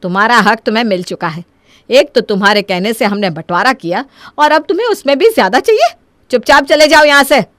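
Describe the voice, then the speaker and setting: A woman voicing a stern mother who scolds her grown son in an animated story. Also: medium pitch, fast talker, few pauses, no room sound, natural voice. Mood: scolding. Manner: scolding, sharp.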